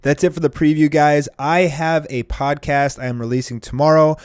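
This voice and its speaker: A man's voice: fairly high pitch, fairly even intonation, normal speed, darkish tone, clear, resonant tone, dry recording, clean studio sound. A young man giving casual, enthusiastic commentary as host of an anime review channel, in informal fan talk.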